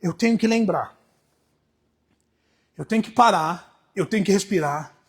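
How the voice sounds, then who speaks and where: This male pastor, who has a Brazilian Portuguese accent, preaches a sermon in a high, husky, unhurried voice. He drops to hushed storytelling, then rises to shouted exhortation.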